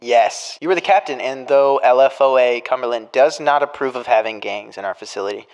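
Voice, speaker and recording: A man's voice: medium pitch, a little fast, clear, resonant tone, muffled recording, voice pushed down, natural voice. A man reading the part of a formal prison interviewer in a murder mystery game, sticking to scripted questions. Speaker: podcast host.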